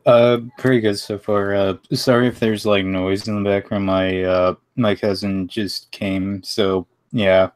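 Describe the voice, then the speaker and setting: A man chatting as a guest on a casual stream, hesitant and full of pauses. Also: lowish voice, flat delivery. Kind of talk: casual chat on a live stream.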